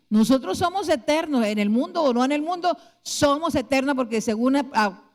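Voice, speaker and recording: A woman pastor with a slightly high, darkish voice preaches a sermon in a church hall, firing one rhetorical question after another at her congregation. Long reverb from the hall fills the recording.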